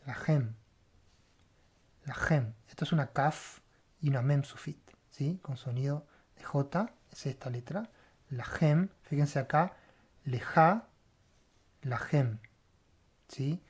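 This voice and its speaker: Slow and husky, with a medium pitch and long pauses, a Hebrew teacher leads a word-by-word Bible language lesson, spelling out letters, repeating sounds, and asking "right?" after each step.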